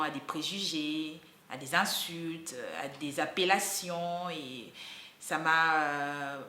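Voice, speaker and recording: In a reverberant space, a Congolese university student and activist in her twenties, from the Democratic Republic of the Congo, speaks haltingly and sincerely about her own experience, often restarting and using fillers. Her voice sits on the low side, bright and forceful.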